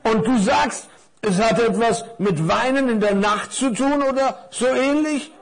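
A man voicing a thick, slow-witted gift-wrapped scarf in a children's story, puzzled and rambling. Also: very high voice, gravelly, voice pushed up, heavily acted. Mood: muddled.

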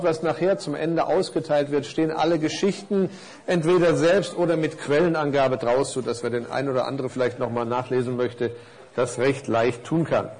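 A man's voice: on the high side, low-quality recording. A man, a pastor, giving a casual sermon built around stories and reading one aloud. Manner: casual, lively storytelling. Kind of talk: storytelling sermon.

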